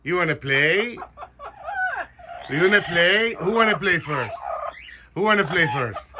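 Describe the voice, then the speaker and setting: A man's voice: high-pitched, expressive, measured pace, noisy background. A man talking playfully to his pet birds in short, repeated, coaxing phrases. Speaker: pet bird owner.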